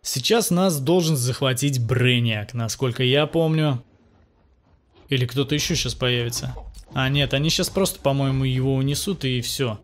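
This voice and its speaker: A man's voice: medium pitch, normal speed, a little hiss or hum. A young man giving casual, slangy Let's Play commentary on a mobile fighting game. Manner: slangy, informal, narrating and paraphrasing the cutscenes. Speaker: gameplay commentator.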